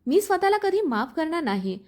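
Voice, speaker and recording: A woman's voice: extremely high pitch, very animated, normal speed, a little mellow, voice pushed up. A woman voicing a heartbroken young woman who pleads through tears in a storybook tale. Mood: tearful. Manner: pleading, tearful.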